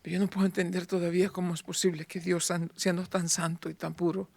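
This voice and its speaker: A man in his fifties preaching a sermon in church, moving between fervent raised passages and hushed near-whispers. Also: high voice, flat delivery, quick pace, vocal fry, no room sound. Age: 50s. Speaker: pastor.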